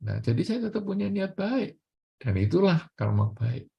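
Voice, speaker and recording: An older man, a Buddhist monk, giving a sermon in a relaxed, colloquial way and often acting out everyday conversations. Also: moderate pace, gravelly, slightly rough, dull audio. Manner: colloquial, often acts out everyday dialogue with big pitch swings.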